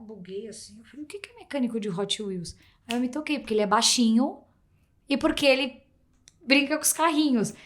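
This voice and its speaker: A woman with a Brazilian Portuguese accent hosting a podcast, telling stories in an animated way, acting out her child's replies, often restarting her sentences. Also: on the high side. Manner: rambling with frequent restarts. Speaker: podcast host. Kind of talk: casual interview chat.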